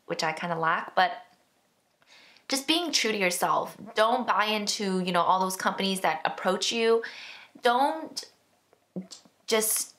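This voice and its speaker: A woman's voice: medium pitch, a bit bright. A woman in her twenties chatting casually to her viewers and answering their questions, chatty and self-deprecating, with lots of fillers. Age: 20s. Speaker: beauty vlogger. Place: indoor, seated.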